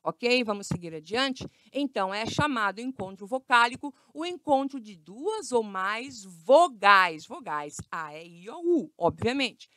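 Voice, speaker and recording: Her voice leans high, sharp, and full of big pitch swings, with no echo, as a woman teacher with a Brazilian Portuguese accent gives children a grammar lesson. She talks slowly, stretching words and frequently checking in with the class.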